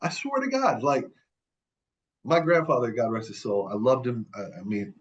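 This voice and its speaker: In a lo-fi recording, a Middle Eastern man on a podcast tells personal stories casually at normal speed. His mid-range voice swoops wildly in pitch. He repeats words for emphasis and keeps restarting and self-correcting his sentences.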